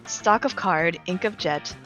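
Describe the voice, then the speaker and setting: Lady doing a zealous young witchy heroine from a game, bright forceful voice, dramatic n defiant, music behind. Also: on the low side, a little slow. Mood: scheming, hopeful. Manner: dramatic, earnest declaiming. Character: fuming, zealous young woman spellcaster, earnest and defiant. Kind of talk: dramatic voice-acted reading of game dialogue.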